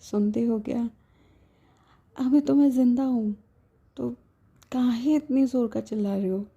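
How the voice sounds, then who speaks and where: A woman's voice: a little high, gravelly, warm tone, husky, highs cut off, full character voice. A woman playing a stubborn young wife. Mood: teasing. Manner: insistent, brisk.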